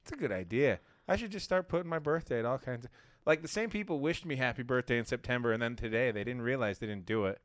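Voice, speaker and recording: A man's voice: medium pitch, expressive, fast, no room sound. A man co-hosting a casual chat with dry, teasing sarcasm. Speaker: podcast co-host.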